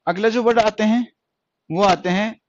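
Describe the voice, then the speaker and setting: A man teaching stenography in an online lesson, explaining step by step and repeating words and sounds slowly. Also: high voice, fairly even intonation, no echo. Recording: dry, dull lo-fi sound.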